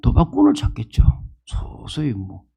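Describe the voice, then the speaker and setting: Man in his fifties preaching, lively swinging pitch, mellow slightly husky voice, asks the congregation questions. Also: normal speed. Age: 50s. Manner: animated, asks the congregation questions and acts out quoted people. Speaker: pastor. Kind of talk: sermon.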